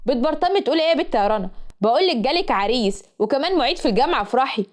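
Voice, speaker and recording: A woman's voice: sits high, lively intonation, very fast. A woman voicing a stern middle-aged father with an Egyptian accent, scolding firmly. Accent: Egyptian Arabic. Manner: firm, scolding.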